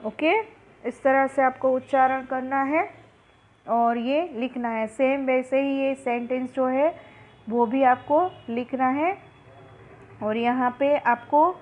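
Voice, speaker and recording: Slow-spelling woman teacher, tinny sound. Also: sits high. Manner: slow, drawn-out pronunciation of each word for students. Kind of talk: Hindi phonics lesson. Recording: tinny phone-like recording.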